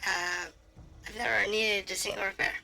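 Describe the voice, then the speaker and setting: Woman streamer, very bright and sharp tone, hesitant reading of game lines with fillers and the odd animal noise. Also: medium pitch, fairly even intonation, moderate pace, vocal fry. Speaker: gameplay streamer reading dialogue aloud.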